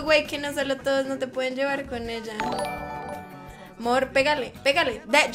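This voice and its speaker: A young woman with a very high, squeaky voice and a bright, sharp tone, chatting casually on a live stream. She reads her chat aloud, giggling and teasing her viewers. Soft music plays faintly behind her.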